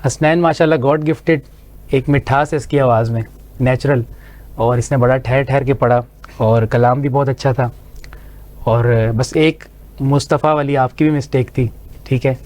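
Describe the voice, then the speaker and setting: A man's voice: medium pitch, steady tone, darkish tone. Guy judging kids on a tv contest, patient, explains mistakes step by step. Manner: instructive, corrects pronunciation patiently. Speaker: judge of a children's recitation contest. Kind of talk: studio judging critique.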